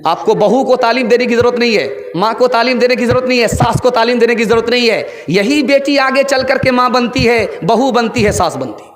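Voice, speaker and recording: A man preaching a sermon at a religious gathering, telling stories that build to shouted emphasis. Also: very high-pitched, hardly any pauses. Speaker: Islamic preacher. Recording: long reverb of a big venue.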